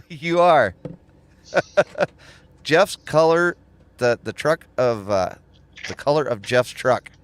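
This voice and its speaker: A man who trains truck drivers hosts a laid-back livestream in a fairly high voice, drawing out his words and pausing often, with no room sound. He chats and laughs a lot while reading comments from viewers aloud.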